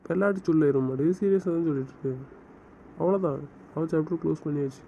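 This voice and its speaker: A man plays a stubborn, bitter character in an amateur web drama. His voice is mellow and sits a bit high. The recording is dull and muffled, with faint hiss underneath. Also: fast. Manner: bitter, stubborn, insists he is done with her.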